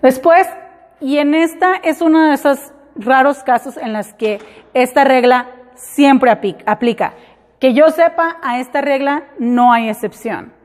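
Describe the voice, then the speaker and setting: A woman teaching a class, explaining slowly and repeating example words in English. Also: high-pitched. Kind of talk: classroom lesson. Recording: hall reverb.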